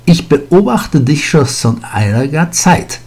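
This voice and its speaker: A man putting on a shrill scolding old woman. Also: big pitch swings, takes it slowly, darkish tone, husky, full character voice. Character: shrill small old woman, former strict teacher.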